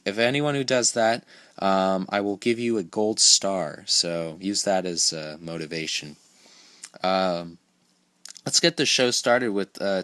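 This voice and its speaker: Low, dry-voiced man hosting a podcast. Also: a bit bright, no room sound. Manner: rambling, full of fillers and restarts. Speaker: podcast host. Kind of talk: casual podcast chat.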